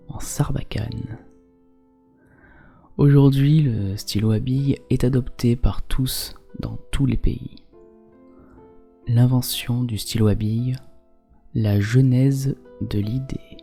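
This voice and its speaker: A man hosting a podcast, telling a story in a calm, soothing way and dropping in wry little asides. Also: medium pitch, vocal fry. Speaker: podcast host. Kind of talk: relaxing storytelling narration.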